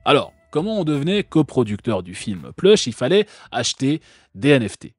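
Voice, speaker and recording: A man's voice: mid-range voice, very animated, normal speed, breathy edge, no echo, clean studio sound, soft background music. A man from France hosting a live stream, talking casually and sarcastically with many fillers and restarts.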